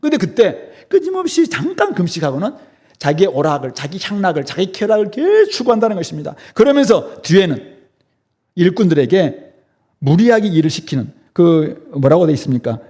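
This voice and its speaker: High, animated male pastor preaching. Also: a little fast. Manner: emphatic expository preaching with rhetorical questions. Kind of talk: sermon. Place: church sanctuary.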